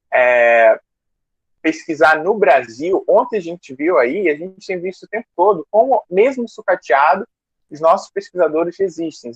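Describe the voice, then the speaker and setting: Male live-stream host, higher voice, upbeat, dry and lo-fi sound. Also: dry recording. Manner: upbeat, speaks to the chat audience. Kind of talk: casual live-stream interview.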